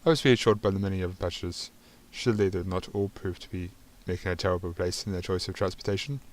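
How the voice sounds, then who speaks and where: A man's voice: low voice, fairly even intonation, fast. A man reading a narrative game's text aloud, stumbling over words and adding dry asides of his own. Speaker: gaming channel host.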